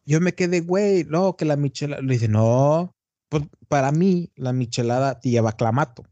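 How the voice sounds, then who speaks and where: A northern Mexican man hosts a podcast, chatting casually and rambling on with a steady stream of slang. His voice is mellow and warm, and it sounds close and dry on the mic. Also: fairly high pitch, normal speed, dry recording, lo-fi sound. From Tamaulipas, northern Mexico. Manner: rambling and animated, slangy, peppers lines with "güey". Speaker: podcast host. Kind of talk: casual chat.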